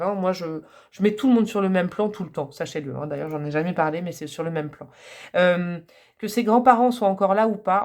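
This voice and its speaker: Chatty woman reading tarot. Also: lowish voice. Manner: chatty, warm-hearted, rambling with many fillers and laughs. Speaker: tarot card reader. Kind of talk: casual tarot reading to camera.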